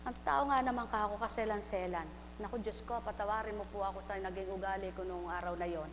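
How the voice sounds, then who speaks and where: A woman preaching a live sermon, fervent and full of refrains, moving from soft confession to loud exhortation. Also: mid-range voice, steady tone, fast talker. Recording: hall reverb, faint hum.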